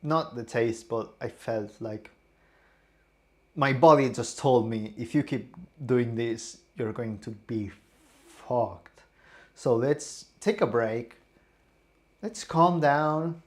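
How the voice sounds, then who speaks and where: A young man talks slowly and unhurriedly in a casual vlog, at an ordinary middle pitch. He sounds tipsy and a little queasy, stumbling and repeating himself as he rambles. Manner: rambling, halting, repeats words. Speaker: streamer. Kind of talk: casual vlog, taste testing.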